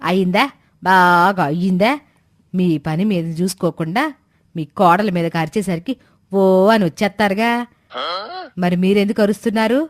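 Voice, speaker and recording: A woman voicing a nagging, sharp-tongued mother-in-law. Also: lowish voice, fairly even intonation, moderate pace, long pauses, no echo, studio quality, natural voice. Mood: scolding. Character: shrewish scolding middle-aged mother-in-law. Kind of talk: storybook voice acting.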